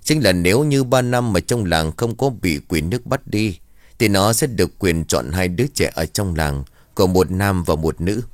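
A man's voice: low voice, animated, no echo, studio quality. A man playing a grave old village elder. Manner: grave, measured.

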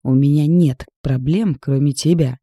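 A man's voice: on the high side, moderate pace, creaky, mellow, slightly rough, no room sound, clean studio sound. A man voicing an arrogant, brooding man in an audiobook, speaking in curt, growling, contemptuous lines. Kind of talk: audiobook character reading.

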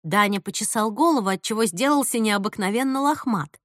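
A woman narrating an audiobook with lively storytelling. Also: medium pitch, a little fast, no room sound, studio quality.

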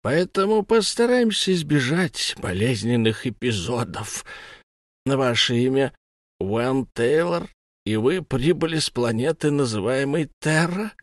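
A man's voice: mid-range voice, animated, measured pace, no echo, clean studio sound, pitched above the performer's own voice, lightly acted. A man doing a lisping, smug alien interrogator. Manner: mocking, condescending questioning. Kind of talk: audiobook character voice.

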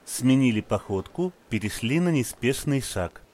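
A man's voice: medium pitch, expressive, normal speed, darkish tone. A man reading scripted audio description of on-screen film action as a narrator.

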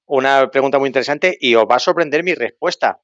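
A man's voice: mid-range voice, quick pace, a bit bright, no room sound. A man calling in by mobile phone as a podcast guest, chatting casually and joking with a chuckle. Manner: joking, chuckling between remarks. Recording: dry lo-fi phone audio.

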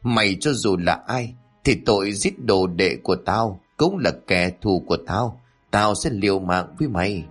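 A man voicing an angry middle-aged sorcerer priest who shouts threats in a horror story. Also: sits low, animated, moderate pace, few pauses, faint music behind. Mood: furious.

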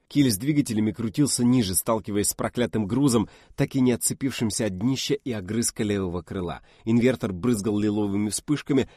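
A man narrating a science-fiction audiobook in a dramatic, measured way. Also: lowish voice, warm tone, no room sound, clean studio sound.

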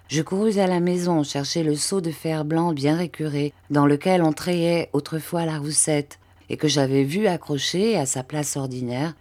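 A woman reads a classic novel aloud in a low, steady voice. She tells the story at an even, measured pace, in the manner of an audiobook. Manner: measured storytelling, lifting her voice for quoted characters. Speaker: audiobook reader.

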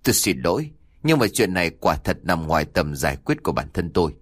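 A man voicing a weary older male exorcist who speaks in a low, resigned tone. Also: very animated, fairly quick.

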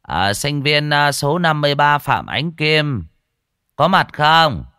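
A man voicing a brisk, formal older male professor calling out loudly. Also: a little high, big pitch swings, smooth, no room sound, studio quality, pitched above the performer's own voice, exaggerated voice.

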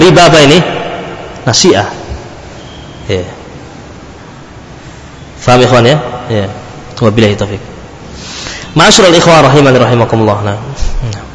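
A male religious teacher giving a lecture in a large mosque. He asks his listeners questions, pauses for them to fill in the answers, then supplies them himself, and drops Arabic terms into his talk. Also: mid-range voice, a little hiss or hum. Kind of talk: classroom-style religious lecture. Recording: echoey mosque hall with long reverb.

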